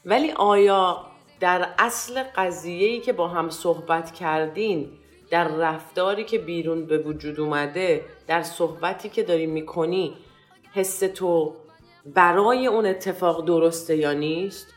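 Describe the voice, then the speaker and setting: A woman co-hosting a podcast in casual chat, animated and acting out quoted lines as she talks. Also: fairly low pitch, soft background music. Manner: animated, acts out quoted lines, laughs easily. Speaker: podcast co-host.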